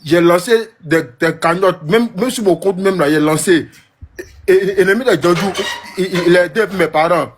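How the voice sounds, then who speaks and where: A man's voice: sits high, normal speed, slight background noise. A young man with an Ivorian French accent calling in, moved and pleading, repeating himself and stumbling over words. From Côte d'Ivoire. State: emotional, moved. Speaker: caller. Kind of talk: emotional call-in plea.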